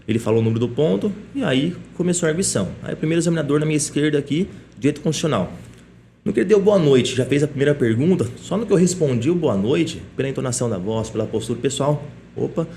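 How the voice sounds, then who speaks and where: A middle-aged man, a police chief guesting on a podcast, telling a lively story in casual chat and often tagging his sentences with little questions. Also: medium pitch, slight background noise. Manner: lively anecdotal telling, frequent tag questions.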